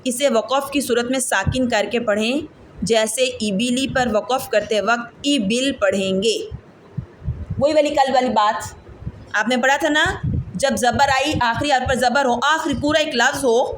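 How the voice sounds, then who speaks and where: High-voiced woman teaching Quran letters. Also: slight background noise. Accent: Pakistani Urdu. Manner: patient, drills letters slowly and asks the class to repeat. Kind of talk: teaching reading aloud with recitation drills.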